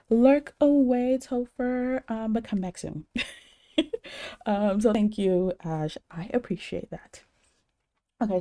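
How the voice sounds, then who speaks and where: Young woman chatting on a game stream, lots of ums, warm low-ish voice. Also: gravelly. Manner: chatty, rambling, many ums, greets chat. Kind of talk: casual game-stream chat.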